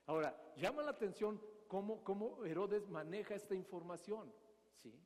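A man's voice: high voice, expressive, normal speed. A man giving a Bible teaching sermon, often asking his listeners questions and acting out the scene. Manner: asks the audience questions and acts out scenes. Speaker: preacher. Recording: long hall reverb.

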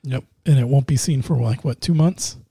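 A man's voice: medium pitch, normal speed, vocal fry, dark tone, husky, dry recording, studio quality. A man co-hosting a podcast with casual, conversational commentary. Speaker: podcast co-host. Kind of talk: casual wrestling commentary chat.

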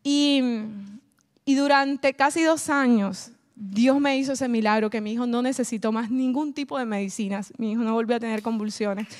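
A woman, animated as she tells a personal testimony and speaks straight to her audience. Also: fairly high pitch, moderate pace. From Colombia. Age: adult, mother of a child. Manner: animated storytelling, addresses the audience directly. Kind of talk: emotional personal testimony talk.

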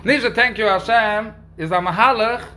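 A man's voice: high voice, normal speed, bright, forceful tone. A man giving a religious question-and-answer talk, speaking emphatically with sudden raised stresses.

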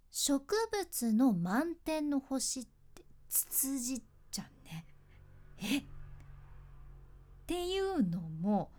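A woman speaks with an in an easygoing solo monologue. Her voice sits a little high. She is chatty, laughs often, and keeps asking her listeners questions. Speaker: freelance announcer and speaking coach. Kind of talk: casual solo chat.

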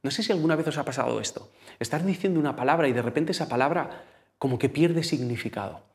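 A man's voice: a little high, quick pace. A man with a Spain Spanish accent preaching a sermon in a conversational, storytelling way, speaking directly to the congregation.

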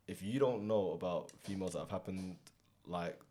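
A man's voice: deep voice, moderate pace, dark tone. A young man with a London roadman accent, chatting casually as a podcast host in an emphatic, opinionated, slangy way. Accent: London, multicultural urban roadman slang. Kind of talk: casual chat.

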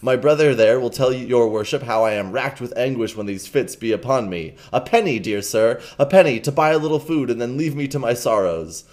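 Dude reading as a sly beggar boy, whiny and dramatic, higher and louder. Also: fairly quick, hardly any pauses, lightly acted. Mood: pleading. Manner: pleading, theatrical whine. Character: crafty young male beggar faking fits.

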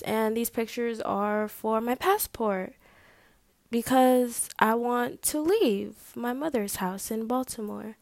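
A young woman talking to the camera in a personal video diary, hesitant and halting, sometimes dropping to a soft whisper. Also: a little high, no echo, studio quality. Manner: hesitant, halting, full of fillers; drops to a soft whisper at times. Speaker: vlogger.

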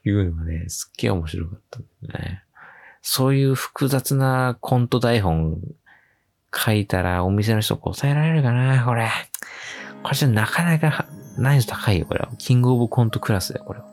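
A man hosting a casual solo radio show, telling a funny story with lively acted-out quotes and frequent laughs. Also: medium pitch, normal speed, creaky. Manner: animated storytelling, acting out quoted voices with laughs. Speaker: podcast host.

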